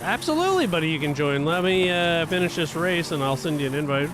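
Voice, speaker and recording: Man, live streamer, casual gaming chat, laid-back and chuckling, slightly high voice, faint game sounds behind. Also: steady tone, a little fast, background noise.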